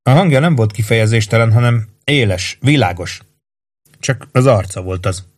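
A man reading a war novel aloud as an audiobook narrator, in steady, even storytelling. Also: medium pitch.

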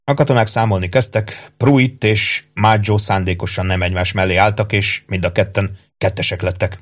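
A man reading a novel aloud in steady, even narration. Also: lowish voice. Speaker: audiobook narrator. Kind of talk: scripted narration.

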